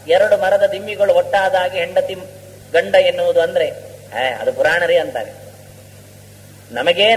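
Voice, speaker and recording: A man giving an epic discourse as a scholar, telling stories and reciting Sanskrit verses slowly. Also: high-pitched. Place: lecture hall. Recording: reverberant hall, faint hum.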